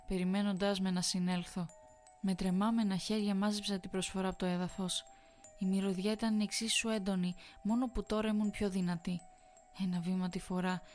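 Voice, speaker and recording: A woman narrating a horror story in a measured, tense storytelling manner. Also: mid-range voice.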